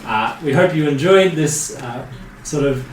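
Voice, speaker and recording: A man's voice: on the high side, measured pace. A man running a tabletop game as game master, talking casually with hesitant fillers. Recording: roomy, distant mic, faint noise.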